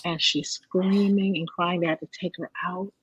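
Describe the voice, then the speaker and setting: A woman's voice: fairly low pitch, moderate pace, breathy edge, no echo, poor audio. A woman in her thirties, a stage actress, telling stories in a casual interview with many restarts. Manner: animated storytelling with restarts.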